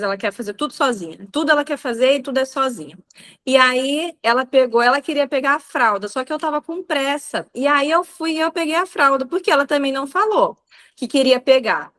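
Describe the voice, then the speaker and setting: A woman's voice: a little high, fairly bright tone. A woman in her thirties with a Brazilian Portuguese accent, giving a live talk on parenting in a chatty storytelling way. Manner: conversational storytelling with many fillers. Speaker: parenting speaker. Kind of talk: live talk on child behavior.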